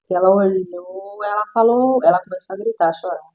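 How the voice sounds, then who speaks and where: A middle-aged woman with a Brazilian accent tells her personal testimony in an interview, with a voice of ordinary pitch. She is an animated storyteller who acts out what others said. She sinks to a hushed murmur when the story turns grave. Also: a little fast, slightly rough, narrow, tinny audio. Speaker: guest sharing her testimony.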